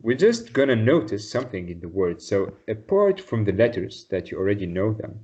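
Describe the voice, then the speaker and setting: A Tunisian Arabic tutor's lowish, warm voice has a sing-song lilt and a brisk pace. He guides one student through an online lesson patiently, encouraging them and repeating praise frequently, all over dull video call audio.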